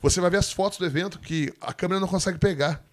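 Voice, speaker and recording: A Brazilian man with a Brazilian Portuguese accent telling a lively missionary testimony, laughing as he tells it and acting out the people in the story. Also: sits high, racing. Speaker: missionary guest speaker.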